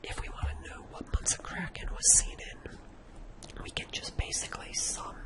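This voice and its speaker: In a rough recording, someone whispers through a casual ASMR-style spreadsheet tutorial, thinking out loud as they demonstrate each step.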